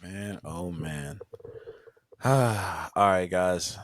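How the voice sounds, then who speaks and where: A man's voice: low-pitched, extremely slow, slight background noise. A young man hosting a sports podcast, laid-back and casual, reeling off game stats with the odd sigh. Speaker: podcast host.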